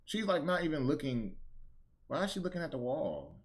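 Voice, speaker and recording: Man doing a casual reaction stream, rambling and surprised, animated delivery. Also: fairly high pitch, moderate pace. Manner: bewildered, uses "like" a lot. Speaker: reaction video host. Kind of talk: casual live reaction commentary.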